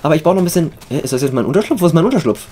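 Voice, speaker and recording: Brief: male Let's Play commentator, quick and playful, slightly raised pitch, faint noise behind. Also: lively intonation, mellow. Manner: mock-pompous, playful banter. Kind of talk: casual gaming commentary.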